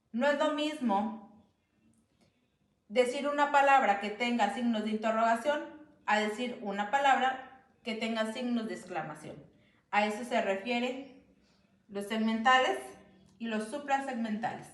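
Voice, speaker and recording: A woman explaining a lesson slowly and carefully, stressing the example sounds. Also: a little high, echoey room. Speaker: student presenter. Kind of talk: educational explanation.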